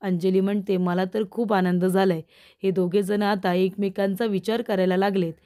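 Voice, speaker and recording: Brief: woman narrator, soft mellow tone, steady recap of serial dialogue, keeps addressing viewers. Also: medium pitch, moderate pace. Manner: repeatedly addresses the audience as viewers; steady storytelling, quoting each character in turn. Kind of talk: retelling episode dialogue to viewers.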